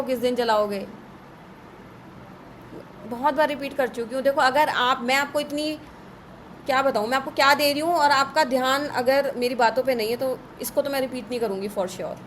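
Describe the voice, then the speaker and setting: During a live online astrology class, the woman teaching it moves briskly through lists in a slightly scolding tone. Her voice sits high and is a bit bright, and the recording is rough, with slight background noise.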